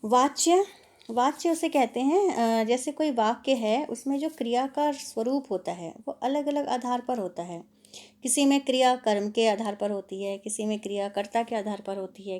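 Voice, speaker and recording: A woman's voice: on the high side, darkish tone. A woman teacher explaining a textbook lesson patiently, stopping to work through examples. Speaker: Hindi teacher.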